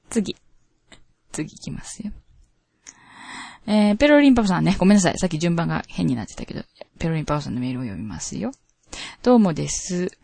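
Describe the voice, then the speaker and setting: A woman with a Kansai accent hosts a casual radio show, reading listener mail in a chatty way, laughing often and sounding self-conscious. Her voice sits low, warm and creaky with a breathy edge, and the recording is dry.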